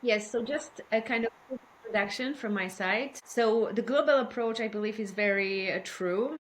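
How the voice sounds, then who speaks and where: Woman guest, measured and careful. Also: on the high side. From Poland. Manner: careful, measured, with many fillers. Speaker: podcast guest, healthcare innovation expert. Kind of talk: casual interview talk.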